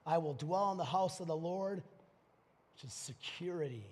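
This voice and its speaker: A man preaching a live church sermon. He moves from quiet scripture reading to loud, emphatic preaching and often stumbles and restarts a phrase. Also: on the high side, moderate pace. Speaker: pastor. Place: church auditorium. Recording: long reverb of a large church hall.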